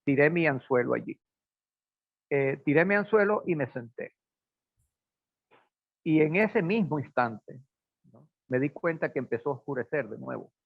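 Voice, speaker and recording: A man's voice: on the high side, expressive, moderate pace, creaky, pauses often, no room sound. A man from Portugal raised in Venezuela, telling a personal story in a hesitant conversational way with many fillers. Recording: dry, phone-like band.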